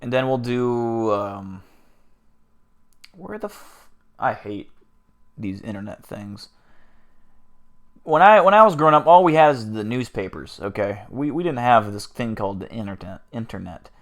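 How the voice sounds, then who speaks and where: A man's voice: mid-range voice, lively intonation, unhurried, pauses often, fairly bright tone. A man hosting a casual livestream, rambling, swearing and joking with his chat. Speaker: livestream host.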